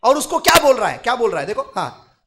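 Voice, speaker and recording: A man preaching a sermon at a night prayer meeting, repeating phrases and swinging from quiet murmurs to loud shouts as he calls out to the congregation. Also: extremely high pitch, sing-song, fast, heavy background noise. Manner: repetitive, call-and-response with the congregation. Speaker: pastor. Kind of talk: Hindi sermon.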